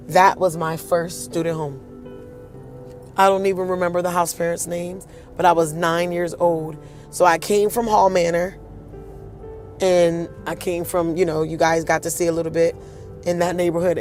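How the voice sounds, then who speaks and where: A woman with a deep, husky voice hosts a casual outdoor storytelling tour. She is animated and acts out the voices of the people she quotes.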